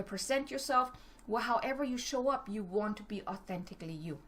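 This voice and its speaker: A middle-aged woman from Germany, working as a business coach, gives a motivational talk in a German accent. Her speech is quick and direct with some stumbles, and her voice is a little high with a fairly bright tone.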